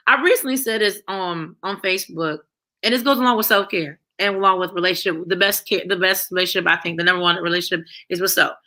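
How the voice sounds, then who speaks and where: A woman's voice: on the low side, quick pace, bright, forceful tone. A woman hosting a talk show, chatting casually with her viewers and often repeating phrases as she thinks aloud. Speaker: host.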